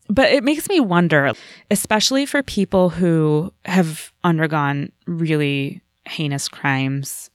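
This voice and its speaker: A woman in casual podcast chat, telling a story in an animated way and acting out the lines of the people in it. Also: low voice, slow pace, dry recording, studio quality. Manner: animated storytelling with voiced quotes.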